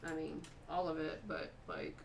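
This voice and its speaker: A woman's voice: deep voice, level tone, moderate pace, vocal fry. A woman co-hosting a painting stream, joking and chatting casually. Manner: joking, laughs often. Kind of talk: casual chat. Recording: distant voice with faint room noise.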